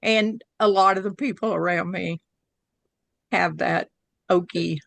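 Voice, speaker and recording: A woman's voice: lowish voice, steady tone, unhurried, gravelly, no echo. An older woman with an Oklahoma Southern twang and drawl, chatting casually. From Oklahoma, United States. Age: 60s or older. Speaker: spiritual channeler, guest. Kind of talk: casual chat.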